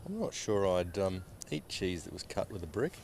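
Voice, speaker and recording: A man's voice: sits low, sing-song, normal speed, a little mellow, a little hiss or hum. Easygoing male cricket co-commentator. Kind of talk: casual live sports commentary.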